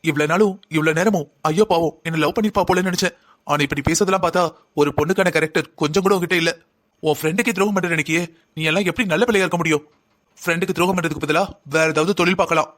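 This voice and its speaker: A man's voice: on the high side, steady tone, very fast, a bit bright, lightly acted. A man voicing an upright young husband in a cartoon, stern and scolding. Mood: indignant. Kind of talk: cartoon voice acting.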